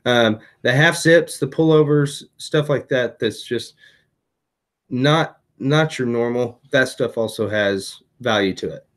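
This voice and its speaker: A worn-out eBay reseller hosts a casual late-night vlog, hiccuping as he chats about items he has resold. His voice is medium-pitched, slow and fairly bright, and his talk is full of fillers, restarts and self-corrections.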